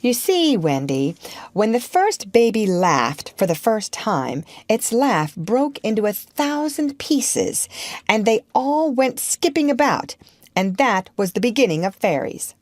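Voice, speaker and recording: Peter Pan, a cocky, cheerful boy who never grows up, as a woman reader puts him on for a storybook recording. His voice sits high and swings lively up and down, boastful and bright in spirit. The sound is dry and close. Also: measured pace, no room sound. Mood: boyish, cocky. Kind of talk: audiobook character reading.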